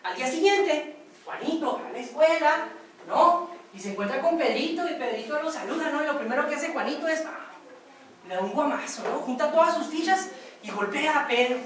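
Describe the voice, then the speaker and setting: A woman gives a classroom lecture and tells stories in a chatty way, often checking that her listeners follow. Her voice sits a little high. She sounds far from the mic in a very echoey room, with faint ambience behind her. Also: expressive, brisk. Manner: conversational, asks for confirmation. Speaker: workshop instructor.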